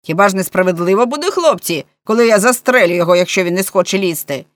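A woman's voice: medium pitch, lively intonation, fast, no echo, lightly acted. A woman voicing a hot-tempered middle-aged police chief who gives orders in a threatening way. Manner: threatening, commanding.

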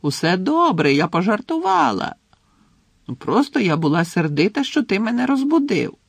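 A man's voice: high voice, sing-song, normal speed, gravelly, slightly rough, no room sound, voice pushed up, exaggerated voice. A man voicing a fussy, haughty portrait lady who snaps at people, in a storybook reading. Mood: coaxing. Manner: indignant, snapping.

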